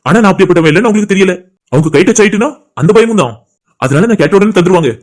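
A man voicing a cocky, fast-talking young groom. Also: high-pitched, expressive. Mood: smug. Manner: rapid, teasing, boastful. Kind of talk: cartoon voice acting.

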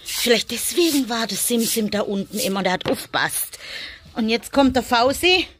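A woman's voice: fairly high pitch, animated, moderate pace, slight background noise. Chatty woman talking to her rabbits. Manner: chatty, talks to her animals, drops into soft muttering. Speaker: family vlogger. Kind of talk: casual vlog chat while looking after rabbits.

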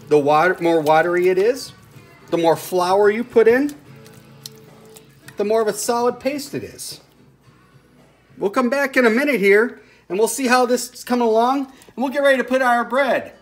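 A man's voice: very high voice, normal speed, soft background music. Man demonstrating home cooking. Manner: folksy, step-by-step explaining while stirring. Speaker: home cooking show host. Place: home kitchen indoors.

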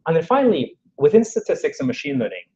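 A man's voice: fairly high pitch, huge pitch swings, fast, creaky, a little mellow, husky. A man from Trinidad and Tobago with a Trinidadian accent, giving a research talk as an assistant professor at an academic workshop, explaining with frequent "you know" and "kind of". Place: lecture room at a workshop. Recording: dull lo-fi lecture recording.

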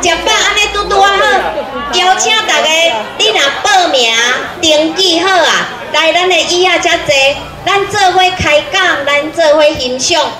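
High-voiced Taiwanese woman hosting on stage. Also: normal speed. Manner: folksy, calling out to the audience with repeated urgings. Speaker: event host. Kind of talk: live stage announcing in Taiwanese Hokkien. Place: outdoor community stage. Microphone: handheld microphone through PA speakers. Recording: echoey outdoor PA with crowd noise. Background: crowd noise.

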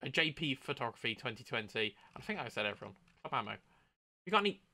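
A man's voice: mid-range voice, very animated, fast talker, vocal fry, bright, forceful tone. Upbeat man streaming a train game. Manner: upbeat, chatty, with sound-effect exclamations. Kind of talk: casual gameplay commentary.

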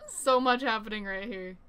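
A woman's voice: a little high, pushed and bright, clear, resonant tone. A young woman chatting casually as she plays a life-simulation game, rambling and reacting with surprise. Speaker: let's play host. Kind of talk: casual gameplay commentary.

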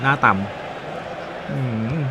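A man giving excited, animated play-by-play commentary on a football video game, with frequent exclamations and a Thai accent. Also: very slow, a crowd in the background, noisy background. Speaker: gaming YouTuber.

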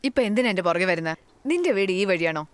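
A woman's voice: lowish voice, sing-song, quick pace, clean tone, no echo. An actress dubbing a fierce, bold young village woman who speaks sharply. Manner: bold, sharp-tongued, demanding. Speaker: dubbing actress voicing the heroine. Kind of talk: Malayalam film dub acting.

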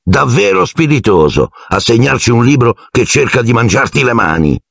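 A man's voice: mid-range voice, sing-song, normal speed, vocal fry, fairly bright tone, slightly rough, no room sound, studio quality, pitched above the performer's own voice, exaggerated voice. A man voicing a snobbish, spiteful teenage boy wizard who mocks and taunts in a haughty tone. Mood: sneering.

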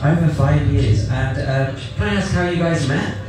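A man's voice: a little high, normal speed. A man hosting a live game show on a theater stage, teasing the contestant and laughing often. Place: large theater stage on a cruise ship. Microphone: handheld mic heard from the audience. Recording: echoey theater with music and crowd, from far off.

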